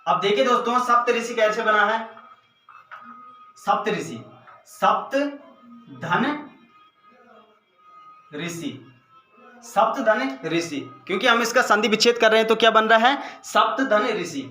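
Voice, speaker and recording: A man with a high, bright voice teaches a grammar lesson for exam candidates. He keeps asking his own questions and answering them. He sounds set back from the mic in a strongly echoing room. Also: normal speed, faint music behind. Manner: repetitive question-and-answer teaching, addresses viewers as friends. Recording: echoey room, mic at a distance.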